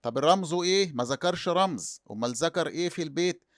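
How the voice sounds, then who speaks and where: A man's voice: a little high, lively intonation, quick pace, no echo, studio quality. A man with an Egyptian accent teaching a lesson, asking and answering his own questions. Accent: Egyptian Arabic. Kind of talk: explanatory lesson.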